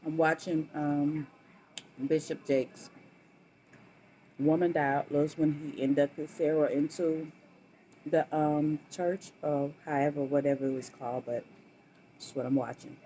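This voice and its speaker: A mukbang host talks casually while eating. The delivery is unhurried and the tone mellow, with savoring hums and stretched-out words between bites. Steady background noise sits behind the voice. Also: medium pitch, low-quality recording.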